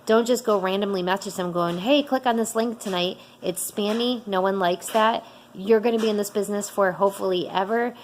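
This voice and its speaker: Woman, casual coaching talk, chatty, upbeat, mid-pitched, faint background noise. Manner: upbeat, chatty, acts out excited messages. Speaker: direct sales coach.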